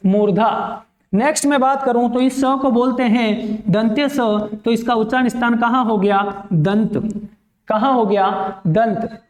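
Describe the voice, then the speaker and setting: A man's voice: extremely high pitch, measured pace, echoey room. A male teacher giving a grammar lesson, reciting letters one by one and repeating his questions to the class before answering them himself.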